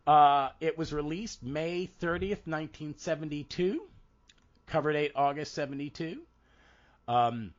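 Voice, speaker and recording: With a slightly high voice made froggy by a head cold, a podcast host in his fifties rambles casually and keeps cutting his own thoughts short. High frequencies are missing from the recording.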